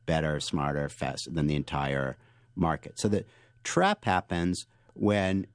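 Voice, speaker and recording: A man being interviewed as an author, explaining ideas and telling stories in an animated way, with frequent restarts. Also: extremely low pitch, measured pace, dry recording, clean studio sound. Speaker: author and guest. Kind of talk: interview answers, storytelling.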